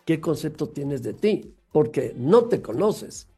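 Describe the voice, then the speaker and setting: A man gives a motivational talk about raising children, firing off rhetorical questions. His voice is warm and gravelly, with a husky edge. Faint music plays behind him. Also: fairly high pitch, very animated, slow pace. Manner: emphatic, full of rhetorical questions.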